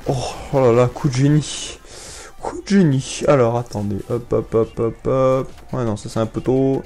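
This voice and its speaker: A young man giving playful, casual commentary while playing a video game, repeating words and bursting out in sudden excitement. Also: mid-range voice, normal speed, faint music behind. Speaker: gaming YouTuber. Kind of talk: casual let's-play commentary.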